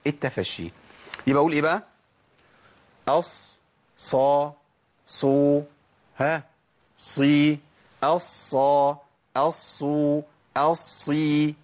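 A man's voice: medium pitch, husky. A man with an Egyptian accent teaching Quran recitation rules, asking listeners questions and answering them himself while demonstrating letter sounds. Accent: Egyptian Arabic. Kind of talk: recorded tajweed lesson.

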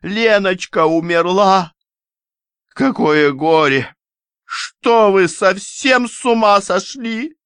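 A shrill older mother screams in outrage and grief, as a male reader puts her on. Her voice jumps very high and rings sharp and bright. The recording is close and dry. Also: takes it slowly, clean tone, no echo. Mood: shrieking. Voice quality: piercing, shrill. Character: shrieking grief-stricken mother, older woman.

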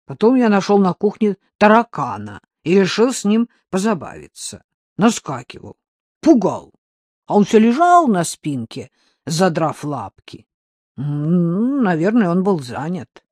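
A woman narrating a storybook in the first person as a playful dog, with an expressive reading. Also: fairly low pitch, unhurried, no echo, studio quality. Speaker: audiobook narrator.

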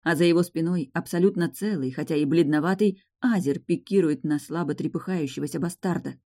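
A woman's voice: deep voice, brisk, mellow. A woman narrating a first-person fantasy novel with vivid, emotional storytelling. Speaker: audiobook narrator.

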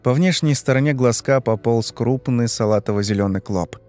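A man reading a story aloud in steady, matter-of-fact scripted narration. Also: medium pitch, normal speed. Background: faint music.

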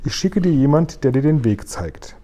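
A man's voice: on the high side, lively intonation, normal speed, warm tone, voice pushed up, natural voice. A composed, dignified queen, read by a man. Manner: composed, formal, polite. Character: calm, dignified older queen.

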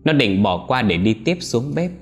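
A man giving steady, scripted narration of a ghost story. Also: medium pitch, moderate pace, faint music behind.

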